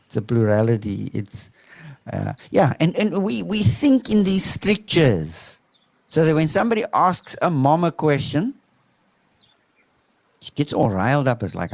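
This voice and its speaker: A man from South Africa speaks as a teacher in a thoughtful, emphatic conversation, his pitch swinging widely as he stresses his points. He keeps checking in with his listener. The sound is dry and close, with no room echo. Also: creaky. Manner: emphatic, often checks in with "right?". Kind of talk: reflective conversational talk.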